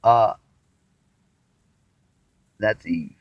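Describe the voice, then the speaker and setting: A man's voice: lowish voice, very slow, gravelly, dry recording. A tired man giving a casual, rambling talk on the Bible, sighing, restarting and acting out quotes as he goes. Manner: meandering, with sighs, restarts and acted-out quotes. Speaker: self-taught Bible commentator. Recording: dull, muffled lo-fi audio.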